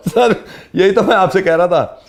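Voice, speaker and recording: A man's voice: high voice, heavy background noise. A man playing a radio prank, chatting and telling a teasing story to a caller. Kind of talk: playful radio prank call.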